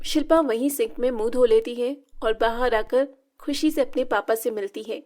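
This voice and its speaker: A woman narrating a moral story in a plain, steady scripted telling. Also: on the high side, normal speed.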